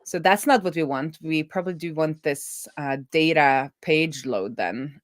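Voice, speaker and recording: A woman developer with a deep voice hosts a live coding stream, casually thinking aloud as she codes. Her speech is halting, often trailing off mid-thought and correcting herself. The recording is dry and studio quality.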